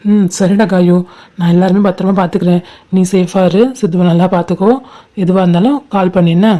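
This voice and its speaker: Calm, reassuring young husband, voiced by a woman; low, mellow tone; patient explainer for a homemade cartoon. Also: a little fast, close to an everyday voice. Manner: steady, soothing, explains patiently. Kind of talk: amateur cartoon voice acting.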